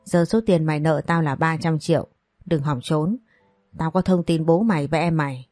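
A callous older brothel madam, as a woman storyteller voices her, cold and mocking. Her threats come in a low, mellow tone. The sound is dry and close. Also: steady tone, normal speed, dry recording, faint music behind, close to an everyday voice. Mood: menacing.

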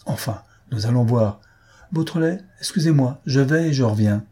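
A man voicing a polite, measured male examining magistrate. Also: medium pitch, warm tone, husky, close to an everyday voice.

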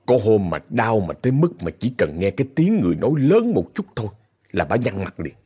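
Man, Southern Vietnamese accent, husky voice, very animated pitch, chatty storytelling, faint music behind. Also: fairly quick. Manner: chatty, addresses listeners directly, indignant asides. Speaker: ghost story narrator. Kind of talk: casual spoken storytelling.

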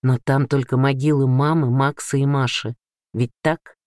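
A man voicing an earnest young adult son who speaks gently but insistently. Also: mid-range voice, fairly even intonation, normal speed, dry recording, clean studio sound, lightly acted.

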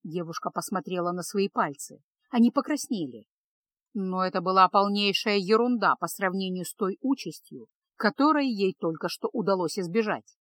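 A woman narrating a fantasy story in a steady, measured reading voice. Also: medium pitch, no echo, clean studio sound. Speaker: audiobook narrator.

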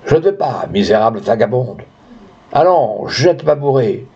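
A man's voice: medium pitch, sing-song, measured pace, mellow, husky, exaggerated voice. A man playing a cruel, pompous rich landowner who bullies and boasts, in a dull lo-fi recording. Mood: furious. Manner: boastful, then furious and bullying.

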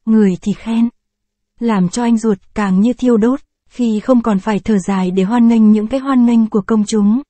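A woman narrating a short story in a calm, even storytelling manner, close to the mic. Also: mid-range voice, no room sound. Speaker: audiobook narrator. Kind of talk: scripted short story reading.

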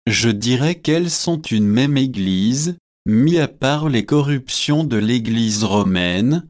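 A man reading the lines of an earnest young male debater in a storybook, slow and measured. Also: mid-range voice, lively intonation.

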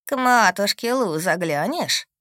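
A woman voicing a short, stocky old male gnome gatekeeper with a creaky voice and a mocking, gruff drawl in an audiobook. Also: mid-range voice, animated, a little slow, fairly bright tone, no echo, studio quality. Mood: sly. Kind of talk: audiobook character voice.

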